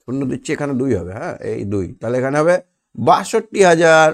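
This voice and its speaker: A man's voice: medium pitch, lively intonation, rapid-fire, a little mellow. A man teaching an online math lesson, patiently asking questions and answering them himself. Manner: patient, asks and answers his own questions. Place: online class on a video call.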